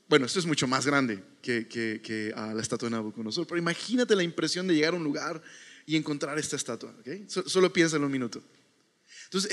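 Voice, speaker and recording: A man's voice: on the high side, a bit bright. Conversational man preaching in a reverberant hall. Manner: conversational, keeps checking in with ok; reads scripture aloud. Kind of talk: sermon.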